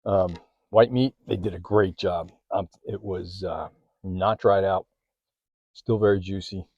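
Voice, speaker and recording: Man, food vlogger, low voice, casual chat while eating, dry and slightly dull lo-fi sound. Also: steady tone, unhurried, a little mellow, dry recording. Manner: chatty, eats while talking, mouth full at times. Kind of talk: casual food tasting vlog. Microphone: handheld phone or camera.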